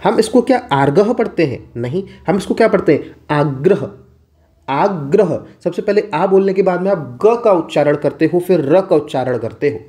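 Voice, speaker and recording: A man's voice: sits high, lively intonation, a little fast, few pauses, mellow, faint music behind. A man teaching an exam-prep Hindi lesson, posing questions for students and answering them himself. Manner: asks and answers his own questions.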